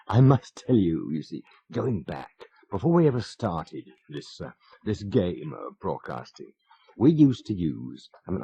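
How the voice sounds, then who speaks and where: A man's voice: low-pitched, dark tone, husky, no echo. A man in his fifties telling wry, self-mocking stories as a radio presenter, chuckling as he goes. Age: 50s. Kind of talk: anecdotal radio chat. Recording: muffled old radio broadcast.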